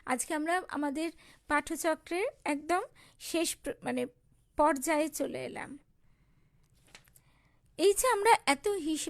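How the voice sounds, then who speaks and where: A woman leading a devotional reading circle, reading memoir passages aloud and explaining them in an unhurried way, with a Bengali accent. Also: high voice.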